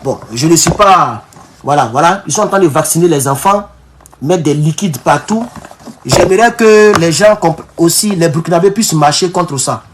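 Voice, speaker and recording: Hosting a political livestream, a man with an African French accent speaks in a somewhat high voice at a moderate pace over slight background noise. He is fervent and emphatic, repeats phrases, restarts words, and keeps calling his viewers comrades.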